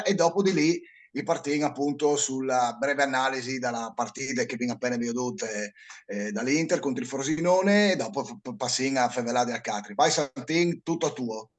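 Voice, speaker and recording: A man with a Friulian accent hosting a casual football chat in an informal, rambling way. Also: mid-range voice. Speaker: podcast host.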